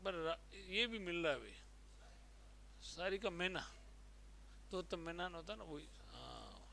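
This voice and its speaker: A man's voice: on the high side, wildly swooping pitch, a little slow, gravelly, sharp tone. A man with a Rajasthani Hindi accent teaching a Hindi exam-prep class, drilling words by repeating them and quizzing his students.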